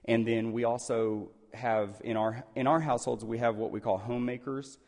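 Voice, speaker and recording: A man's voice: mid-range voice, fairly even intonation, normal speed, darkish tone. A man giving an unscripted public talk as a presenter, hesitant and often repeating his phrases. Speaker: presenter on elder care taking questions. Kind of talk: public talk, unscripted with some read-aloud passages. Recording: echoey hall, long reverb.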